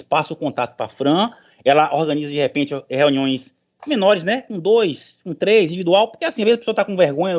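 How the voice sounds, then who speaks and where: Fairly high in pitch yet darkish in tone, a middle-aged professor's voice comes over an online meeting call. He motivates the group in an informal, emphatic manner with repeated phrases, and the sound is dull and lo-fi.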